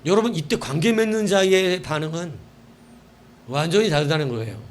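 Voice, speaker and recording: A man pastor preaching a night-service sermon, emphatic, acting out imagined dialogue and swinging between loud outbursts and hushed asides. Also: fairly high pitch, moderate pace. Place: church.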